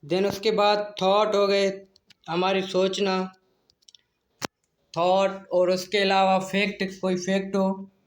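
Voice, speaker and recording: A man with a fairly high voice teaches English grammar in a home-made lesson video. He talks slowly, repeats each point, and poses questions to answer himself. He mixes Hindi-Urdu explanation with English terms. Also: monotone. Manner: slow, repetitive, answers his own questions.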